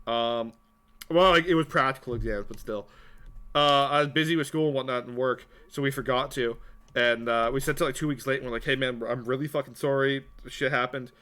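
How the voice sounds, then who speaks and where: Bright-voiced young man rambling. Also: mid-range voice, fairly quick, smooth. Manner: rambling, profane, filler-heavy storytelling. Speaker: podcast co-host. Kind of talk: casual chat.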